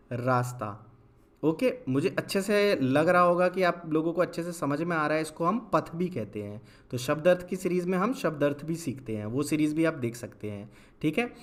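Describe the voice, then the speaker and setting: A young man teaching a lesson, spelling words out slowly syllable by syllable and answering his own questions. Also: on the high side. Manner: asks questions and answers them himself, drawn-out syllable-by-syllable spelling. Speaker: Hindi teacher. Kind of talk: classroom-style lesson.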